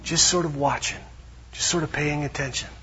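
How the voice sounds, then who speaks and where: A man preaching a sermon in a conversational way, dropping to hushed tones for emphasis. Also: a little high, fairly even intonation, normal speed, lo-fi sound, slight background noise. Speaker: pastor.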